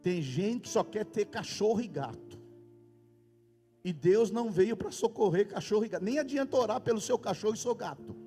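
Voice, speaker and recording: Brief: Brazilian male pastor, high voice, emphatic sermon, long hall reverb. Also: expressive, moderate pace. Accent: Brazilian Portuguese. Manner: emphatic preaching with sudden loud outbursts. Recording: reverberant hall with faint music. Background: faint music.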